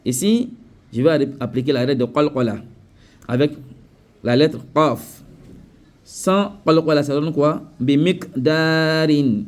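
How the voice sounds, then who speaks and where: A man teaching Quran recitation rules in French, repeating each word slowly and often checking that students follow. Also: fairly high pitch, lively intonation, darkish tone. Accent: West African French. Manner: repetitive, drills pronunciations slowly, often checks understanding. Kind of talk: tajweed lesson.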